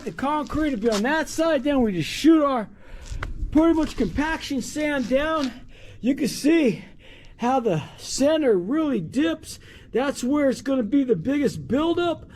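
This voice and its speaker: A man's voice: very high-pitched, noisy background. A man hosting a casual on-site how-to, talking loosely as he works in a backyard and often saying "pretty much" and "okay?". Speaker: contractor host. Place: outdoor backyard work site.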